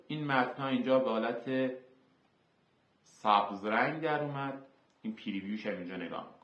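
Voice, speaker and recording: A man hosting a screen-recorded software tutorial, explaining each term step by step with filler sounds. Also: fairly low pitch. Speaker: tutorial host. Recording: echoey, dull lo-fi room.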